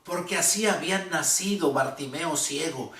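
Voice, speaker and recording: A male pastor preaching a sermon, reading scripture and explaining it with slow, emphatic repetition of key words. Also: a little high, a bit bright, distant mic. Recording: echoey room, voice from afar.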